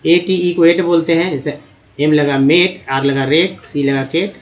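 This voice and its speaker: A man's voice: fairly high pitch, steady tone, measured pace. A man teaching English reading, spelling out letters and sounding out word parts patiently. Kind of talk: slide-based reading lesson. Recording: dull lo-fi recording.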